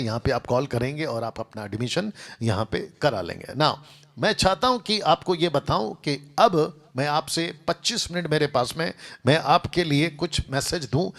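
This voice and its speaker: A male pastor making announcements and starting a sermon, talking to a seated group and to viewers online. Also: fairly high pitch. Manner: speaks to a seated group and a livestream audience, repetitive lists.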